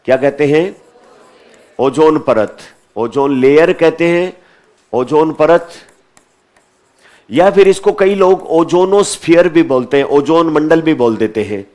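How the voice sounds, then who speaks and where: High-voiced man teaching a lesson. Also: slow, darkish tone. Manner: asks questions and answers them himself, repeats key terms. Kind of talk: classroom lecture.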